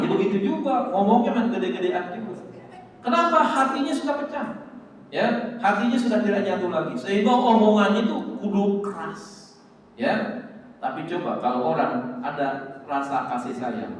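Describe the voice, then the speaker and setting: A man preaching, quoting Arabic and joking as he acts out angry speech. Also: high-pitched. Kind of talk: mosque sermon with Arabic quotations. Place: mosque hall. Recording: echoey hall, distant mic, faint noise.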